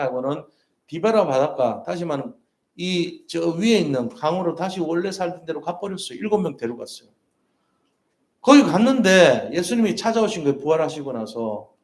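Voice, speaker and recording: A man's voice: a little high, a little mellow. A male pastor preaching a sermon in a church, earnest and repeating his key points with rhetorical questions. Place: church sanctuary. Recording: roomy church echo.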